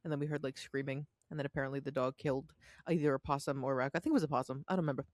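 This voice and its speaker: A young woman co-hosting a podcast, animated and incredulous in casual chat. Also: a bass voice, rapid-fire, no echo, clean studio sound. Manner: animated, incredulous, laughing asides. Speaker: podcast co-host.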